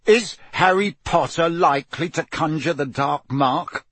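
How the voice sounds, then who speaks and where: A man's voice: on the high side, a little slow, fairly bright tone, no echo, pitched above the performer's own voice. A man voicing a reasonable, protective male wizard in an audiobook, firmly remonstrating with exasperation. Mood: angry. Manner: firm, remonstrating.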